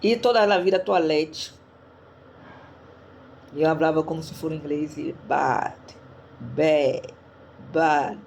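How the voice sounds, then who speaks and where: Gravelly woman preaching casually. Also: deep voice, expressive, unhurried, darkish tone, a little hiss or hum. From Brazil. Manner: chatty, tags questions to listeners. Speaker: online church preacher. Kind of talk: casual sermon talk.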